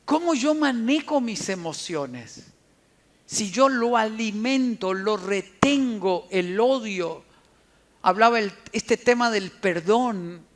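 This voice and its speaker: A man giving a sermon-style talk on family and forgiveness, an animated storyteller who repeats words for emphasis. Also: high-pitched, slow. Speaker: family counselor and speaker.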